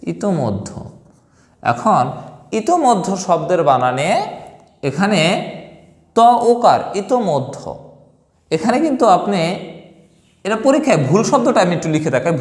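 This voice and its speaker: Man, teacher, spelling lesson, fairly high voice, long reverb in the room. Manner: lively, addresses viewers directly, repeats words slowly.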